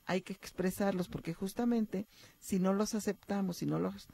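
A woman psychologist, calmly explaining emotions as a radio guest. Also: mid-range voice, moderate pace, gravelly, slight background noise. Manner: explanatory, calm, uses fillers like "este". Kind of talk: advice talk on radio.

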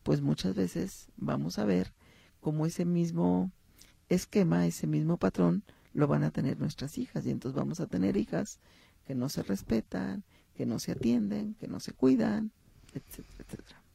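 A middle-aged woman with a Mexican accent talks about motherhood, her voice thick with gravelly fry. Her tone is dark and mellow, recorded dry and close. She tells little stories and briefly acts out the people in them. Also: fairly low pitch, moderate pace, no room sound. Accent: Mexican Spanish. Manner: warm storytelling, acts out short quotes, addresses listeners. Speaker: psychologist and talk host. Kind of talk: reflective talk on motherhood and stories.

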